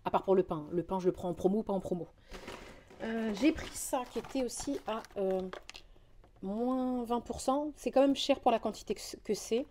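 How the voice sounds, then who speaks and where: A young French woman, chatting casually through a grocery haul vlog, rambling and quick to get indignant. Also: a little high, warm tone, slight background noise. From France. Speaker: vlogger.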